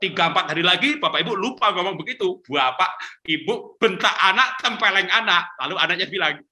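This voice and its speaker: A man giving a lively church talk on parenting over a video call, acting out quotes and laughing often. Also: high-pitched, fairly quick. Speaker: conference speaker. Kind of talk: lively sermon-style talk on webinar.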